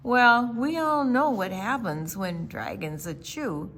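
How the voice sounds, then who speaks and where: With a fairly high-pitched voice, a woman delivers a rhyming kids' picture book in a showy storytime style. Dramatic pauses and strong emphasis shape her reading.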